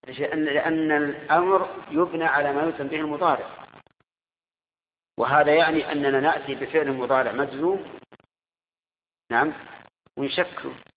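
A man's voice: a little high, fairly even intonation, normal speed, pauses often, slight background noise. A man teaching a grammar class, quizzing his students and repeating their answers. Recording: tinny echoey hall recording.

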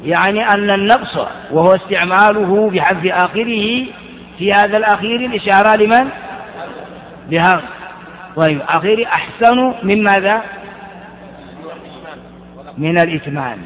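A man's voice: high voice, moderate pace, long pauses, fairly bright tone. A man teaching Arabic grammar in class, asking questions and answering them himself with frequent restarts. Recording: dull, reverberant hall recording.

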